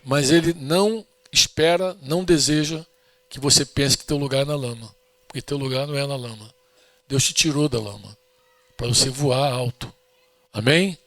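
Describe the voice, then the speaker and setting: A man's voice: medium pitch, moderate pace, a bit bright, no room sound. A middle-aged man with a Brazilian Portuguese accent preaching a sermon in an earnest, storytelling way, often asking the congregation to say amen.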